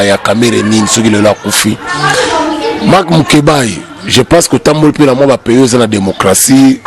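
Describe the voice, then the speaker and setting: A Congolese man speaking as a guest commentator in a heated political debate, emphatic and repeating his key points. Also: medium pitch. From Congo (DRC). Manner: emphatic, repeats key phrases, voice climbs when arguing.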